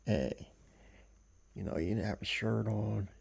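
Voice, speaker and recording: Man, very gravelly, husky raspy voice, rambling casual storytelling, halting delivery. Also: fairly low pitch, a little mellow. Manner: rambling, halting, full of fillers and self-corrections. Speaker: vlogger recounting a dream.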